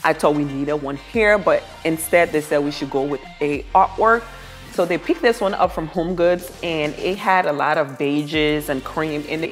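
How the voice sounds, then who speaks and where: A woman giving a casual home makeover tour to viewers, gushing admiringly about the decor as she goes. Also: deep voice. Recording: music behind the voice. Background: background music.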